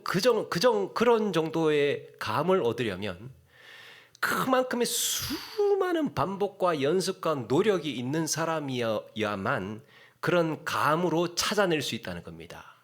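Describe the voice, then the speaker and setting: A middle-aged man preaching a sermon as a pastor, telling a story with sudden hushed drops and sharp rises for emphasis. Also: a little high.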